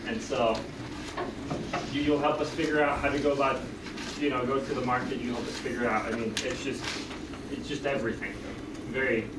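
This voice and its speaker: A man's voice: medium pitch, fairly even intonation, brisk, long pauses. A young man from Finland, out of breath, giving an upbeat class announcement with many fillers. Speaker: student presenting to a class. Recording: roomy classroom audio from far off, loud background noise.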